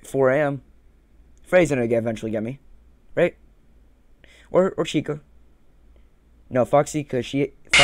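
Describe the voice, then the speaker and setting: A young man streams casual gameplay commentary, rambling and muttering at the game's characters in a gravelly, medium-pitched voice. Loud game music plays behind him.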